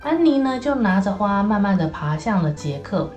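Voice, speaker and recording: A woman reading a children's story aloud, lively and animated, with many little fillers. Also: medium pitch, normal speed. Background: soft background music.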